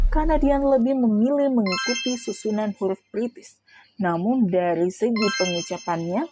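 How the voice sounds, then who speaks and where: A woman's voice: a little high, poor audio. A woman reading out a prepared class presentation, explaining step by step with brief asides to her listeners. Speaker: student presenter.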